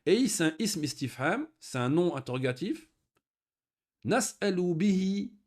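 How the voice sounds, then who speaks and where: Man, teacher, fairly high voice, patient explaining, slow careful reading. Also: very animated, darkish tone. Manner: explains patiently, reads Arabic slowly, then translates. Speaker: Arabic teacher. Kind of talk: recorded online lesson.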